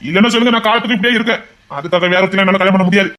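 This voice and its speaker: An actor playing a lovesick son in his twenties, who refuses an arranged marriage in a low, subdued, stubborn voice. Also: rapid-fire, pushed and bright. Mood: stubborn, pleading. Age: 20s. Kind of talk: amateur audio drama.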